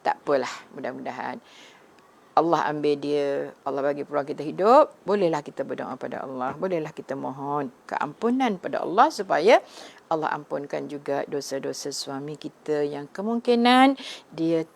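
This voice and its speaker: Middle-aged female religious teacher, low gravelly voice, gentle chatty delivery to an online audience. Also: lively intonation, moderate pace. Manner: gentle, conversational, often tagging "ya" and addressing the audience. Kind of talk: live online religious talk, reading viewers' comments.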